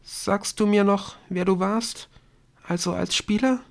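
A man reading an audiobook, voicing a frightened teenage girl who pleads in a high, shaky voice. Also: steady tone, measured pace, vocal fry. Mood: subdued.

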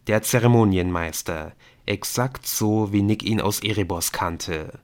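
A man reading an audiobook in calm, measured narration. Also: fairly low pitch. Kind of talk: scripted narration.

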